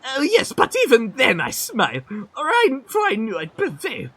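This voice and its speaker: A man's voice: very high voice, huge pitch swings, normal speed, sharp tone, husky, voice pushed up, heavily acted. A man voicing a pompous, boastful male adventurer who talks in a grandiose, theatrical way.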